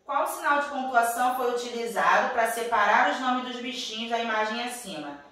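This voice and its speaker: A woman's voice: a little high, fairly quick, a bit bright, heavy reverb, far from the mic, rough recording. A woman teacher with a Brazilian Portuguese accent reading a worksheet to young pupils, patiently checking in after each step. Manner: refers to herself as "tia [name]". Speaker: primary school teacher.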